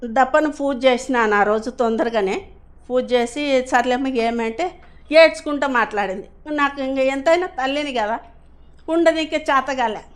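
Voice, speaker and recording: A woman's voice: high voice, moderate pace, clean tone. A middle-aged woman, giving a rambling, earnest personal testimonial as a class attendee.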